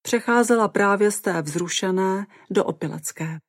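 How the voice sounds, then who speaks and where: A woman narrating a first-person audiobook in a lively, expressive way. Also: medium pitch, no echo, studio quality.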